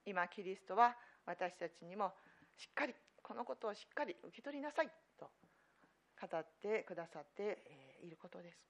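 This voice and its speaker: A woman pastor preaching a sermon earnestly, stressing key phrases loudly and letting her phrase endings fall soft and quiet. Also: medium pitch, expressive, moderate pace. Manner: earnest, emphatic preaching with sudden loud stresses.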